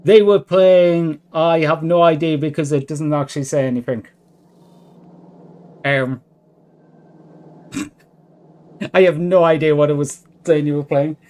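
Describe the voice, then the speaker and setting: A man's voice: a little high, fairly even intonation, unhurried, long pauses, a little mellow. A man streaming a video game, chatting casually in a self-deprecating way. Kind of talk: casual livestream chat while gaming.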